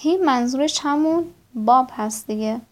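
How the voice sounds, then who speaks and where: Woman slowly spelling out English words. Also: high voice. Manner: spells words out letter by letter, slow in English, quick in Persian. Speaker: English teacher. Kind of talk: vocabulary lesson.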